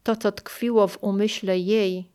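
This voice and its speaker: Older lady reading her memoir out loud, calm and measured, smooth clear voice. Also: medium pitch. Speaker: memoir narrator. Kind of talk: reading a personal memoir aloud.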